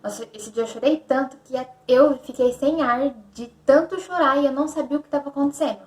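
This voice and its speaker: A young woman from Brazil with a fairly high voice speaks candidly to camera, looping back on her words as she tells a personal story. She sits back from the mic in an echoey room. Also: a little fast, far from the mic. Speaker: vlogger. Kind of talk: personal confessional vlog.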